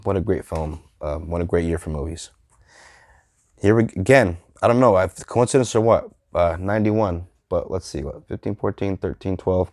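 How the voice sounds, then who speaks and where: Deep-voiced man rambling about films. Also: a little mellow, no echo, studio quality. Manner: halting, heavy with fillers and restarts. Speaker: movie reviewer. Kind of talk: casual unscripted vlog.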